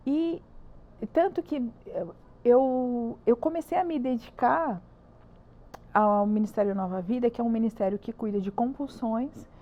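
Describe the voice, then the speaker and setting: Speaking as a podcast guest, this church ministry leader shares her personal testimony in a Brazilian Portuguese accent, earnest and emphatic, stressing points by repeating words. Her pitch is fairly high, her tone dark.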